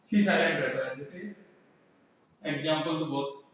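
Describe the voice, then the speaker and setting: A man's voice: a little high, moderate pace, fairly bright tone. A male teacher giving a classroom lesson who keeps asking and answering his own questions. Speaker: English teacher. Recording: echoey room, mic far off.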